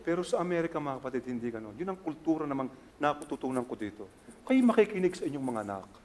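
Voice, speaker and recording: A middle-aged Filipino man with a Filipino accent, preaching a sermon as pastor, animated and swinging between soft asides and loud acted-out quotes. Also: fast, slight background noise. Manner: animated, acts out quotes with sharp jumps in pitch and loudness.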